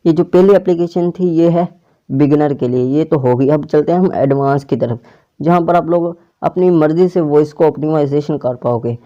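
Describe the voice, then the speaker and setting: This tutorial host has a warm, fairly high voice and keeps a moderate pace while casually explaining an app step by step, often rephrasing and repeating himself. A clip-on or plugged-in microphone captures him in muffled, dull lo-fi sound.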